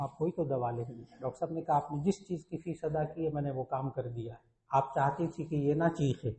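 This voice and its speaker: A man's voice: on the high side, darkish tone. Earnest Pakistani man preaching, echoey lo-fi. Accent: Pakistani Urdu. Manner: earnest storytelling, repeats key points for emphasis. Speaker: religious scholar. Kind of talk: sermon. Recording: echoey, dull lo-fi recording.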